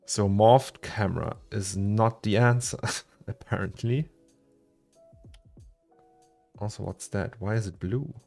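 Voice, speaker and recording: A 3D artist with a low, gravelly voice and a German accent chats casually on a livestream while working through a fiddly software problem. He's unhurried, repeats words as he thinks, and chuckles between thoughts, with soft music playing behind him.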